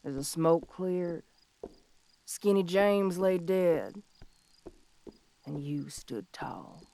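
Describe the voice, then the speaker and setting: A woman playing a young, tough but tender tomboy bounty hunter of the Old West in an audio role-play, speaking in a folksy, halting, heartfelt way. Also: fairly low pitch, creaky, warm tone, no room sound, heavily acted. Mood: wistful, tender. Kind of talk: scripted audio role-play monologue, intimate and slow.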